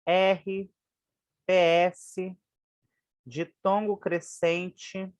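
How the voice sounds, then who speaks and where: Brazilian lady teacher going over test answers, chatty, lowish voice, dry close sound. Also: level tone, very slow, a little mellow, dry recording, muffled recording. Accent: Brazilian Portuguese. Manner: chatty, keeps checking in with listeners. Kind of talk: exam answer walkthrough lesson.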